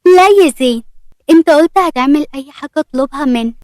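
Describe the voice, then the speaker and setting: A playful young woman who bosses and teases in a high voice with an Egyptian accent, voiced by a woman narrator. The recording is dry and close. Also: expressive, fast talker, darkish tone, no room sound. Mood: teasing.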